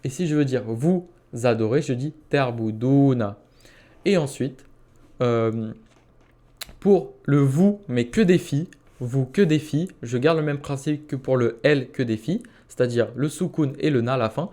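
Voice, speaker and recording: A man of average pitch gives a grammar lesson in a calm, methodical way. He repeats each example word slowly so learners can follow, and he circles back to sum up each rule. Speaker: language teacher. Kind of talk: explaining grammar step by step.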